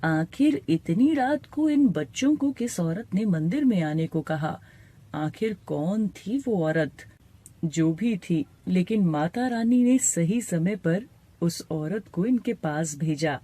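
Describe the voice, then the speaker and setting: A woman's voice: on the low side, animated, takes it slowly, mellow, husky, pitched below the performer's own voice, full character voice. A woman doing a kindly male temple priest. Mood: musing.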